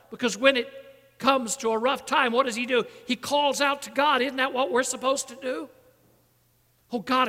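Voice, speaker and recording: Bright high-voiced man preaching in a hall. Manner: emphatic preaching, rising on lists, dropping soft for appeals. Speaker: pastor. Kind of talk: sermon.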